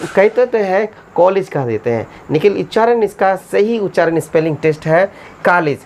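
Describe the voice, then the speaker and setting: A woman with a fairly low voice teaches a spelling lesson in Hindi. She spells out English words slowly, one letter at a time, and urges viewers to subscribe.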